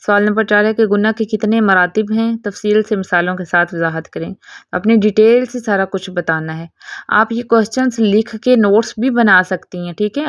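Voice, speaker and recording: A woman teaching Quran recitation in a recorded audio lesson, explaining patiently and reciting examples slowly. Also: mid-range voice, no echo, clean studio sound.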